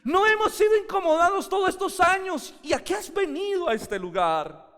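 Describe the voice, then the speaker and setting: A male preacher voicing a tormented male demon with loud, strained, drawn-out cries. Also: very high voice, animated, in a large hall, voice pushed up, full character voice. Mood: agitated. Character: agitated male demon, shouting at his intruder.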